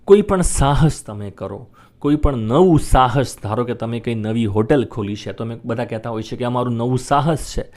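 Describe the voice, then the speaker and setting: Man, Gujarati speaker, English vocabulary lesson, repeat-after-me drills, each word said slowly several times. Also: medium pitch, dark tone. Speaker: English teacher.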